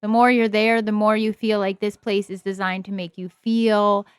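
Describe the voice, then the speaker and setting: A woman running a tabletop game as game master, narrating in a relaxed, meandering way with many pauses. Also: medium pitch, smooth, dry recording, clean studio sound.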